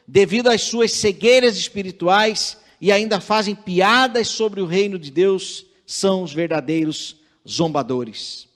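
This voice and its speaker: Man, Brazilian Portuguese accent, preacher, earnest sermon delivery, slow pace, long church reverb. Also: high voice. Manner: measured, earnest preaching, reads scripture aloud. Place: church sanctuary.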